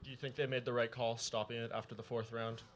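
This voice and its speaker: A man's voice: medium pitch, little pitch movement, fast, a bit bright. A man working as a reporter, putting conversational questions in an interview. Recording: faint room noise behind.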